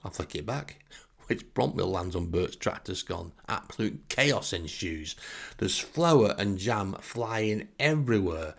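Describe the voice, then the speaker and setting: A storyteller and host from northern England, with a Northern English accent, tells comic first-person tales wryly and self-deprecatingly, adding theatrical emphasis. His deep, gravelly voice is expressive and unhurried.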